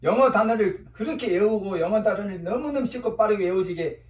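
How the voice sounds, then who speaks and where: Animated male teacher in an echoey classroom. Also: sits high, fairly quick. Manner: animated, quizzes students and has them repeat. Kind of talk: classroom lecture with call-and-response drills. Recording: roomy echo, mic at a distance.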